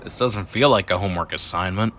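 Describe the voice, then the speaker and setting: An actor playing a reluctant, wisecracking young student sidekick in a video game, wry and grudging. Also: male voice, low voice, fast, a bit bright, slight background noise. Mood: wry, complaining. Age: young adult.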